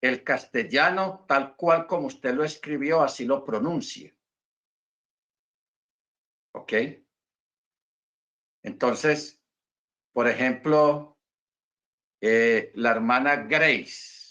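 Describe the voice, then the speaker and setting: Bright-voiced man teaching Hebrew. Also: medium pitch, drawn-out words, pauses often. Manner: explains patiently, repeats points, asks "¿Ok?". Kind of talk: teaching class to congregation. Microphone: video call.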